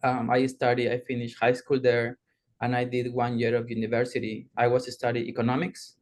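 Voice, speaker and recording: On a video call, a former student from Peru tells a personal story as a guest, speaking briskly at a medium pitch in a flat voice. He keeps a steady pace, dotted with frequent ums and uhs.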